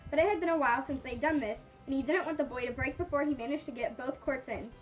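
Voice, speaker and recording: Brief: high-pitched woman reading fan fiction aloud, a little off-mic, faint music underneath. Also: fast, recorded from a distance, low-quality recording. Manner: reads aloud, stumbles on words, breaks off with joking asides. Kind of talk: live reaction reading.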